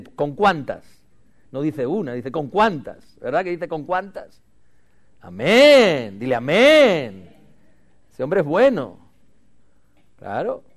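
A male pastor with a fairly high-pitched voice preaches a sermon, leading his congregation in call-and-response. He shifts between loud, emphatic lines and quiet asides.

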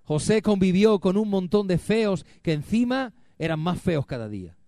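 A man preaching a sermon with a fairly high voice, recorded dry and close with no room sound. He fires rhetorical questions at the congregation and swings from soft asides to loud, ringing declarations. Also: animated, moderate pace, no room sound. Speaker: pastor. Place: church.

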